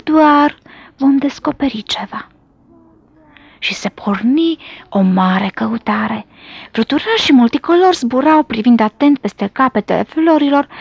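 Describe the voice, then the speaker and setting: A woman narrating a children's story expressively, sometimes dropping to a hush. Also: high-pitched, husky, no room sound.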